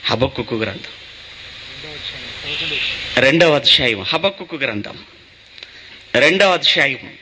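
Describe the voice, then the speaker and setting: A man's voice: medium pitch, animated, takes it slowly, long pauses, background noise. A male pastor preaching a sermon, asking his listeners questions and answering them himself.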